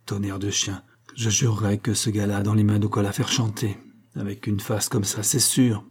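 Man doing a suspicious servant grumbling under his breath, dark husky voice. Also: on the low side, little pitch movement, moderate pace. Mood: muttering.

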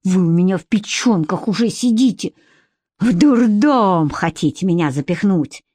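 A woman's voice: medium pitch, animated, moderate pace, mellow, husky, no echo, clean studio sound. A woman reading as a weary, defiant young woman who speaks with cutting irony. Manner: ironic and cutting, flares into anger.

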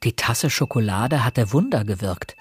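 An actor voices an observant young gentleman narrating a murder mystery in a measured, literary radio drama style. His medium-pitched voice is expressive with a breathy edge.

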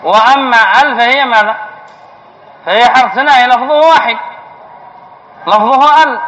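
A sheikh teaches an Arabic grammar lesson in a very high-pitched, pushed, bright male voice, posing questions to his students and then answering them himself. The lecture recording is dull and lo-fi with faint hiss.

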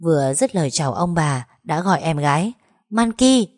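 A woman reading a story aloud, gentle and emotive. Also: sits low, a little fast, no echo, studio quality. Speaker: narrator. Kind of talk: audiobook story narration.

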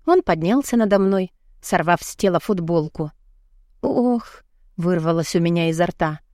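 This is a woman's expressive audiobook reading of a first-person novel, where her voice climbs high for the heroine's dialogue. She keeps a moderate pace, and the clean studio recording carries no echo.

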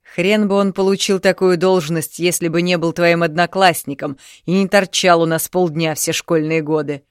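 A woman's voice: lowish voice, steady tone, moderate pace, few pauses, clean tone, dry recording, clean studio sound, lightly acted. A woman voicing a blunt, scolding older man in an audiobook, coarse and commanding. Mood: angry. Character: older man, gruff and bossy factory owner.

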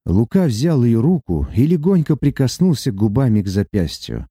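A man narrating a novel as an audiobook, reading in an expressive, dramatic way. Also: mid-range voice, normal speed, slightly rough, no echo, studio quality.

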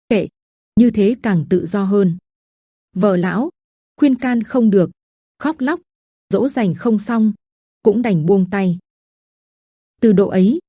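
Woman, storyteller, scripted narration, steady reading, mellow warm tone, dry close recording. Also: medium pitch, husky, no room sound.

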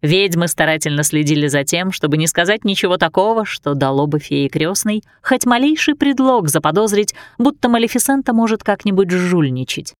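A woman narrating a storybook with an expressive delivery. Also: lowish voice, brisk, few pauses, no room sound, clean studio sound. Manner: expressive, voices many characters. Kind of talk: storybook reading.

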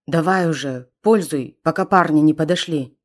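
A woman doing an impatient, hoarse male raider. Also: low voice, moderate pace, natural voice.

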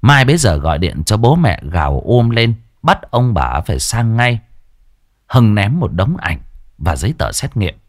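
Male narrator, lower voice, lively dramatic story reading, dry recording. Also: measured pace, no echo. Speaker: audiobook narrator.

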